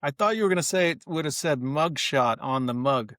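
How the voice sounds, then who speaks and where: A man's voice: a little high, lively intonation, a little fast, a bit bright, no room sound. A man who is a guest on a podcast, chatting casually with wry, self-deprecating humor. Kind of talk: casual interview chat.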